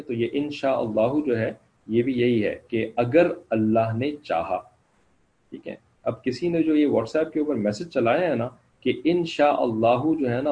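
Guy teaching a class, gravelly low-key voice, kinda dull lo-fi audio, keeps checking everyone's following. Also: dark tone. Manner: slow explanatory, keeps asking "ٹھیک ہے نا". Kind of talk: online class lecture.

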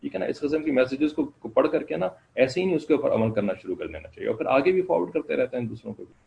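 A man teaching an online class, explaining slowly and checking in with his students again and again. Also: medium pitch, big pitch swings, creaky, a little mellow. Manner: slow explanatory, keeps asking "ٹھیک ہے نا".

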